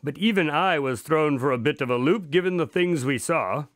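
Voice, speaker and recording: A man's voice: on the high side, moderate pace, dry recording, clean studio sound, close to an everyday voice. A man acting as Dr. Watson, a wry, exasperated companion and storyteller bantering in a radio drama. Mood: playful storytelling.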